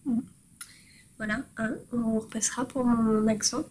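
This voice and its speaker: A woman's voice: a little high, steady tone, a little slow, a little mellow, slight background noise, poor audio. A woman hosting a crafting podcast, chatting casually and cheerfully while showing her work, with frequent hesitations and fillers. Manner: cheerful and self-mocking. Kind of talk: casual show-and-tell chat.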